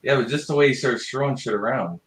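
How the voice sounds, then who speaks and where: A man's voice: medium pitch, fast, roomy sound, a little hiss or hum, low-quality recording. A man hosting a casual chat who rambles, swears and laughs often. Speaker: host.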